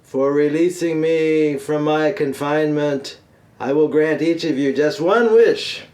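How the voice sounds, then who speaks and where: A genie proclaims in a grand, booming voice, as a man puts him on. He is lofty and theatrical, and every line lands as a pronouncement. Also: measured pace, a little mellow, close to an everyday voice. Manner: grandiose, declaiming.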